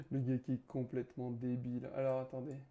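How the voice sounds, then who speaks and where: A man's voice: mid-range voice, warm tone. A young man casually reviewing a webcam at his home desk, joking, rambling and swearing as he sets it up. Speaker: tech YouTuber. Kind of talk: casual product review vlog.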